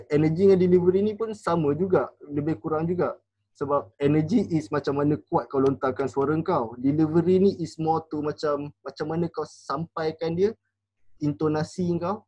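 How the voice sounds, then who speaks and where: A man's voice: on the high side, steady tone, moderate pace, dark tone, no echo, highs cut off. A man, a rapper, chatting casually on a live stream and explaining battle rap, acting out lines in different tones. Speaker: rapper giving battle tips.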